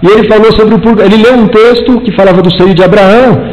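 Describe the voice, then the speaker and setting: A middle-aged man, teaching a church Bible class in a chatty way, telling personal stories and acting out the dialogue with big swings in pitch. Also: quick pace, darkish tone. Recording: long reverb of a hall.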